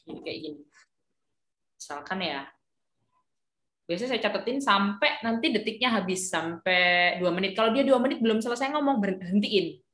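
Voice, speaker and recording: A woman's voice: mid-range voice, animated, moderate pace, pauses often, fairly bright tone. A woman teacher trainer giving a casual briefing, explaining with worked examples and many fillers.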